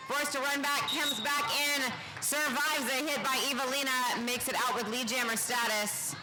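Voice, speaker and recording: A man giving quick, energetic play-by-play commentary on a roller derby game. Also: extremely high pitch, rough recording. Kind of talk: live sports commentary.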